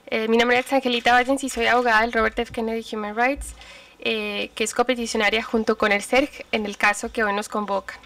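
Formal woman lawyer, slightly high voice. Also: flat delivery, fairly bright tone, no room sound, far from the mic. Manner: formal, measured, with hesitation fillers. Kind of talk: formal hearing introduction. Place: hearing room.

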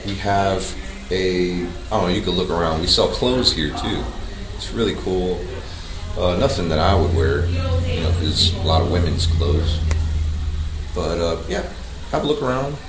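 A man's voice: low voice, lively intonation, moderate pace, background noise. A man in his thirties chatting loosely to a 360 camera in a hair salon, rambling with fillers. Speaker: vlogger. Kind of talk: casual vlog talk to camera. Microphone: 360 camera built-in mic. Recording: roomy salon sound with music behind.

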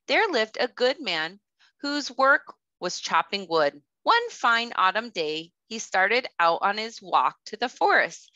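A woman teacher reading a storybook aloud to kindergartners in a gentle, expressive way. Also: medium pitch, slow, no echo, lo-fi sound. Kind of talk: storybook read-aloud for children.

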